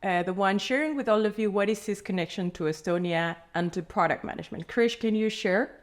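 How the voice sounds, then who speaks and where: A woman's voice: medium pitch, brisk. A woman hosting a podcast interview in person, framing her questions thoughtfully with many hesitations. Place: indoor room, in person with guest.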